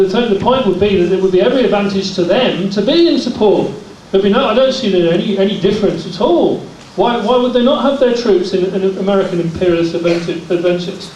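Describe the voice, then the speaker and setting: Man, argumentative conference speech, fairly high voice, far off in a reverberant hall, light hiss. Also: darkish tone. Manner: argumentative, repeats words while building points. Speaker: party conference delegate.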